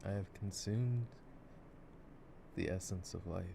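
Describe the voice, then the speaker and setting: A male ASMR voice actor plays a gamer boyfriend in an improvised-sounding roleplay while gaming, using a low, slow, gravelly, exaggerated voice. He's laid-back and playful, rambling, self-mocking, and playfully dramatic. Mouse clicks and game ambience come through over clear background noise.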